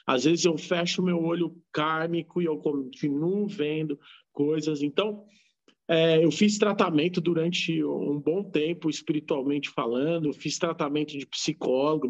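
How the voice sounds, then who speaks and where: Gravelly high-voiced man telling a story. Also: dull audio. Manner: loose, rambling, with slang and many restarts. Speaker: guest. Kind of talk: casual storytelling in a live chat. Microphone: video call.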